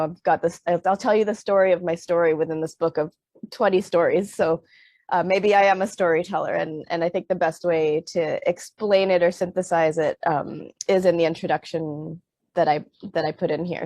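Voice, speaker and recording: A middle-aged Canadian woman from Vancouver, an author on a panel, speaks in a lowish, slightly mellow voice captured in a dry recording. She talks with many fillers and restarts, then reads aloud from her book.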